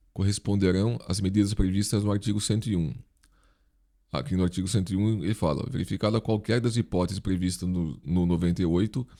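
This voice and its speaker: A man's voice: low-pitched, mellow. A Brazilian man teaching an informal exam review lesson, his articulation slightly impeded by a dental retainer in his mouth. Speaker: instructor, online video host.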